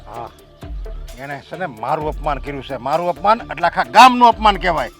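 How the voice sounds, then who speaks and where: A high-voiced, domineering village headman. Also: a little fast, fairly bright tone, faint music behind. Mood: stern. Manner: stern, commanding, pronounces sentences. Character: proud domineering middle-aged male village headman. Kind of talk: village family stage drama.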